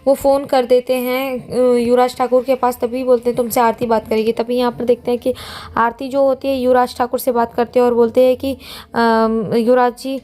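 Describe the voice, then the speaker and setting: A woman casually retelling a TV serial episode in her own words, unscripted, often pausing on fillers and restarting phrases. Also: on the high side, flat delivery, dark tone. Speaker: TV serial recap narrator.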